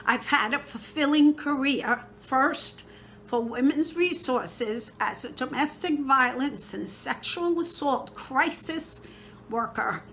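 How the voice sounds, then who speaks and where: A woman giving a steady, earnest scripted personal statement. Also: high voice, slow pace, a little hiss or hum.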